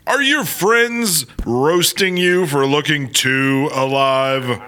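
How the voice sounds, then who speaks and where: An actor playing an over-the-top male commercial pitchman, hard-selling with exaggerated shouting. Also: slow pace, soft background music. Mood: hyped. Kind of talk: parody commercial.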